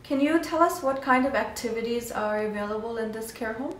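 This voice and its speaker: Young woman host, polite questions, slightly high voice, faint background hum. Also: brisk, echoey room. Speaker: interviewer and channel host. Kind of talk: interview questions and outro. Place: living room, then a dining room.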